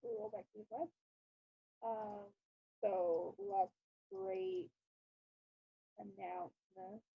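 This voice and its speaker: A hesitant woman chats her way through a team presentation, pausing on ums and restarts. Her voice is gravelly and husky with a lively swing, and it comes through a thin, phone-like video call line. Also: medium pitch, dry recording. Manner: hesitant, filler-heavy. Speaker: presenter of an online team meeting. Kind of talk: casual presentation with many fillers. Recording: tinny phone-like call audio.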